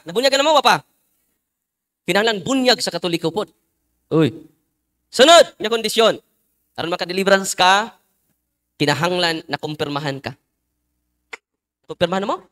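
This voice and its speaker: High-pitched, lively joking priest. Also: male voice. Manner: jokey, teasing the congregation, mixing in English phrases. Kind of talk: humorous sermon with storytelling.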